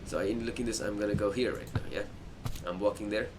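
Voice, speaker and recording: A gaming video host with a lowish, fairly even voice talks fast as he gives casual playthrough commentary. He reacts as he plays, muttering to himself and answering the game. The background is clearly noisy.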